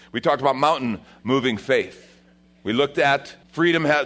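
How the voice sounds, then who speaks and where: A man preaching a sermon at a pulpit microphone in a church, with a voice of average pitch. He talks to the congregation conversationally, pushing up for emphasis and then sinking low and soft for reflective points. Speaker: senior pastor.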